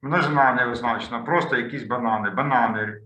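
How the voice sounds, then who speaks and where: Man, language tutor, online lesson, very bright tone, roomy echo, thinking aloud. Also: medium pitch, fast talker. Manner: explanatory, thinks aloud while clicking through slides. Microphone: video call.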